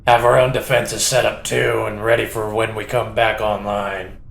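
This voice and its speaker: A man voicing a gruff, weary male space pirate captain who talks in curt commands. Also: lowish voice, level tone, moderate pace, fairly bright tone. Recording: roomy echo.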